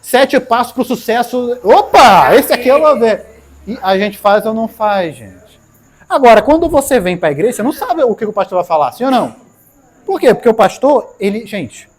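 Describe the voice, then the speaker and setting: A woman with a Brazilian Portuguese accent preaching a sermon, acting out dialogues and asking the audience questions. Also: mid-range voice. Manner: animated, acts out dialogues, asks the audience questions.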